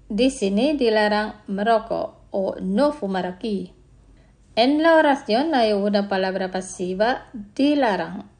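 A woman presenting a scripted radio language lesson, speaking slowly and carefully and repeating each word twice. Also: mid-range voice, darkish tone.

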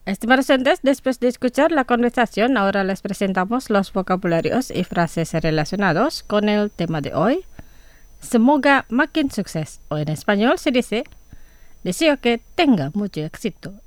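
A woman presenting a scripted radio language lesson. She speaks slowly and carefully and says each word twice for listeners to repeat. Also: medium pitch, animated, dry recording.

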